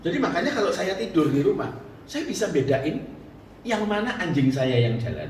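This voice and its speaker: A male pastor delivers a sermon, joking and checking in with the congregation. His voice swings widely in pitch. It is picked up from a distance in a very echoey church hall with faint background noise. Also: normal speed. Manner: lively, joking, asks the congregation questions.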